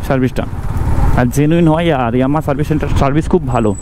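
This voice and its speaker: Fast-talking West Bengal man motovlogging through traffic noise. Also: fairly high pitch. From West Bengal, India. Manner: chatty, colloquial, addressing viewers directly. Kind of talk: casual riding vlog chat to viewers. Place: outdoors, riding a motorbike in traffic. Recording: outdoor traffic and engine noise. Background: road traffic, vehicles.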